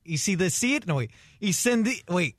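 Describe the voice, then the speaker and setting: A man's voice: high-pitched, lively intonation, normal speed, no room sound, studio quality. A man on a radio show, stumbling and tripping over his words while telling a joke. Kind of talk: joking radio banter.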